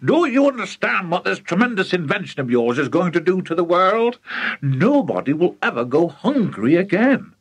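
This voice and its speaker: A man voicing an excitable, scheming, overbearing father in a children's story, gushing and emphatic. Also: fairly high pitch, a little slow, gravelly, hardly any pauses, husky, dry recording, pitched above the performer's own voice, heavily acted. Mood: exultant.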